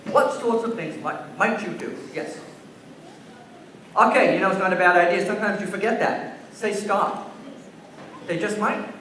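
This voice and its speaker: Recorded by a distant camera in a big gym, this man tells young children a story at a school assembly, asking them questions and taking answers. He has a high, slightly bright voice at a moderate pace, with lots of echo and a little hiss or hum.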